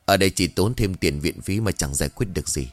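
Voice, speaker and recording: A man voicing a measured, formal doctor who breaks bad news in a story. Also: low voice, animated, dry recording. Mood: solemn. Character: calm middle-aged male doctor.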